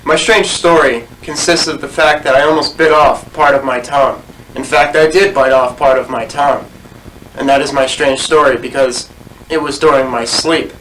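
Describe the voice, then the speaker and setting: A man's voice: mid-range voice, fairly bright tone. A man giving short, matter-of-fact statements to a documentary camera. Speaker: interviewee. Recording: distant mic with light hiss.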